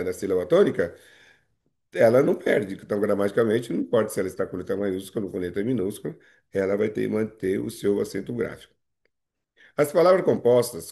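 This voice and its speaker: Mellow-voiced male teacher explaining grammar. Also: on the low side, vocal fry. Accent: Brazilian Portuguese. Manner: explains patiently with frequent "né?" and "não é isso?" checks; hesitant restarts and fillers. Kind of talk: recorded video lesson on Portuguese grammar.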